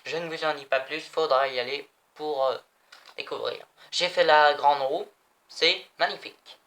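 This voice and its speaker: A young man with a slightly high, sharp-toned voice chats casually in a vlog at a normal pace, showing off souvenirs. He rambles and repeats himself.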